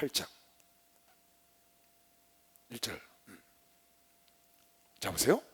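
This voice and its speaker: A man, a pastor giving a Bible lecture sermon, fervently swinging between loud exhortation and quiet asides. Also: on the high side. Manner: tells personal stories with laughter.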